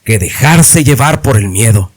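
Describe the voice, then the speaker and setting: A man voicing a weary, cautious village priest who speaks in a measured, reasoning way. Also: medium pitch, lively intonation, voice pushed down. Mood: grave.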